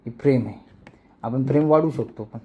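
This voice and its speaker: A brisk, mid-range male voice comes through narrow, tinny audio with a little hiss or hum. He's an animation tutorial creator with a rural Maharashtrian Marathi accent, giving a casual step-by-step lesson in colloquial speech and repeating words as he shows each move.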